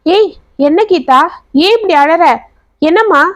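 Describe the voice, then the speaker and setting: A woman's voice: very high voice, a little slow, no echo, voice pushed up. A woman voicing an earnest, anxious young man who is a devoted son. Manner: earnest and pleading.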